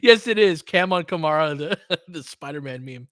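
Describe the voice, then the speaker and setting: Clean studio sound with no room tone carries a man's higher-pitched, slightly bright voice with lively intonation at a moderate pace. He's a podcast host doing casual live basketball play-by-play in clipped phrases, replying to listeners' chat as he goes.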